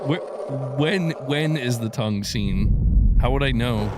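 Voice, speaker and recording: A man's voice: medium pitch, expressive, unhurried, very noisy. A man giving casual, bantering, sweary commentary while he streams a video game. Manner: informal, bantering, swears freely. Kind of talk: casual chat, gameplay commentary.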